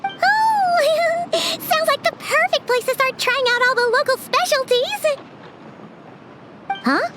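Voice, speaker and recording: The voice is extremely high and slow-paced, a woman playing a small, bubbly companion who loves food and calls herself by name in the third person. Her mood is chirpy in this game cutscene, which has music running behind it.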